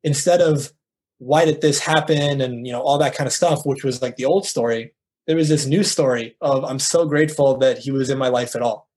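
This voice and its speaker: A man's voice: mid-range voice, fairly quick, a little mellow. A middle-aged man speaking as a life coach guest in an interview, earnest and emphatic, acting out little dialogues as he makes his points. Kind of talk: conversational interview, motivational.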